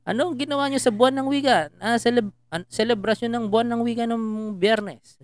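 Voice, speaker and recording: Co-hosting a casual Tagalog podcast, a young man teases his friend and laughs often. He speaks a little fast in a very high-pitched voice.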